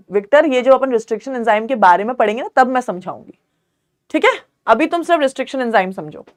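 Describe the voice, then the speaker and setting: A young woman teaching biology in a live online class, mixing English terms into Hindi, quizzing students and asking whether it is clear. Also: sits high. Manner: calls students "beta", quizzes them, asks if it's clear.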